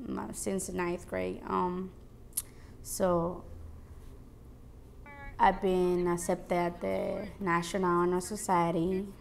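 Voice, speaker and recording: Creaky young woman. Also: lowish voice, a little hiss or hum. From El Salvador. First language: Spanish. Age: late teens. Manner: earnest, hesitant with fillers. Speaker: student activist. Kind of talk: interview testimony.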